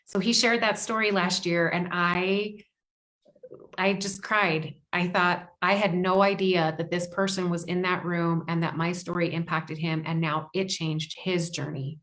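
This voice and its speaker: A woman's voice: fairly low pitch, little pitch movement, unhurried, fairly bright tone. A woman guest speaking earnestly in an interview, often repeating words for emphasis. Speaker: podcast guest. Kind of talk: heartfelt interview conversation.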